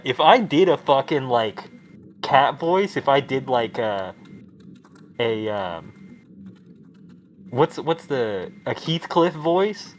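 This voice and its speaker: A man's voice: medium pitch, a little hiss or hum. A young man co-hosting a casual game stream, sarcastic and profane, rambling through banter. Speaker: streamer co-host. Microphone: headset.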